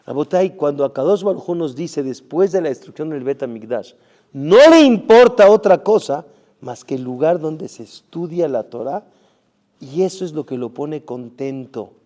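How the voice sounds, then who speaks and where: A middle-aged rabbi giving a Torah sermon, emphatic, with rhetorical questions and Hebrew terms mixed in. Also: male voice, on the high side, expressive, normal speed. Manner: emphatic, rising and dropping loudness, rhetorical questions to the audience; sprinkles Hebrew terms into Spanish.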